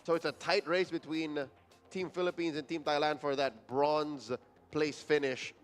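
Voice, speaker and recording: Animated high-voiced male esports caster. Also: moderate pace, clear, resonant tone, soft background music. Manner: animated, exclamatory. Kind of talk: live esports commentary.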